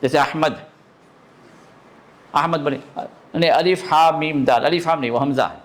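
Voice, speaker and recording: High-voiced man teaching a recitation class. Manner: demonstrates throat sounds, asks learners to confirm understanding. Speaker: religious teacher. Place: classroom with students.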